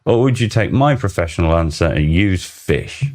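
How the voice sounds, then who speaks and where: Podcast host, man, low voice, rambling and animated. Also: moderate pace. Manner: rambling, excitable, laughing. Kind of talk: casual podcast chat.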